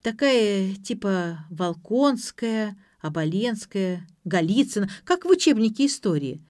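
A woman voicing a blunt, rude young woman with loud, rough colloquial speech in an audiobook. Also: mid-range voice, sing-song, unhurried, no room sound, studio quality. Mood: brash.

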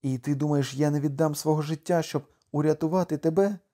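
A man's voice: on the high side, fairly even intonation, a little fast, dark tone, voice pushed up, close to an everyday voice. A man reading an audiobook, voicing a loving, desperate young island wife with a raised, pleading delivery. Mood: determined.

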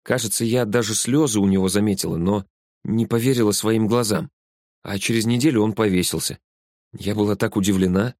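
A dead little girl's ghost speaks softly and calmly, as a man reads her in a low voice raised a little. Her tone stays quiet and sad, close and dry like a storybook audiobook. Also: brisk, dry recording, natural voice. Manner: quiet, half-whispered.

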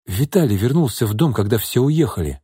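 A man's voice: mid-range voice, animated, fairly quick, dark tone, slightly rough, no room sound, studio quality. A man voicing an outspoken young woman who speaks firmly and directly. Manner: firm and direct.

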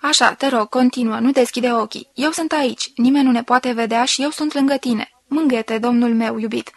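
A woman voicing a sensual woman who slowly and softly reads out an intimate love letter. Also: on the high side. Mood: intimate, tender. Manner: slow, soft, intimate reading.

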